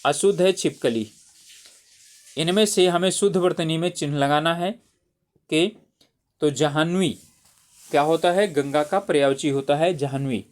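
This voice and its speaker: A man's voice: fairly high pitch, unhurried, long pauses. A man teaching spelling for an exam, patiently repeating each word and checking in with his listeners. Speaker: Hindi exam tutor. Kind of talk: explaining exam spelling questions.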